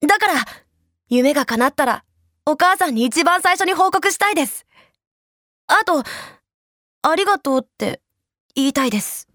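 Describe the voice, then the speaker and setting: A woman's voice: sits high, expressive, moderate pace, pauses often, a bit bright, dry recording, clean studio sound. A woman voicing an earnest young boy who speaks sincerely and a little hesitantly. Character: earnest young boy talking about his mother. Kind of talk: voice acting demo reel.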